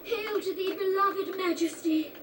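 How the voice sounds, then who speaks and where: An obsequious flatterer at a royal court in a video game. The voice is extremely high and drawn out, fawning, and sits far off amid crowd noise. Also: female voice, a little slow. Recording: distant game audio with crowd behind.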